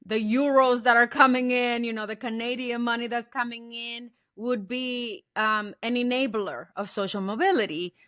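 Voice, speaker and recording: A woman from the Dominican Republic speaks as a guest author with a bright, forceful tone. Her talk is earnest and reflective, and it gathers into passionate points. The sound is dry, with almost no room. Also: on the high side, no room sound. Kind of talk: podcast interview.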